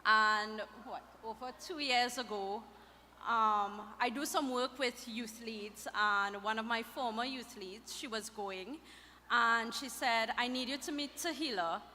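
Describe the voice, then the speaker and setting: Bright-voiced woman giving a wedding toast. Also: on the high side, measured pace, a little hiss or hum. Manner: chatty, laughs between phrases. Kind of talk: casual wedding speech. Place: wedding reception hall. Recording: reverberant hall with faint ambience.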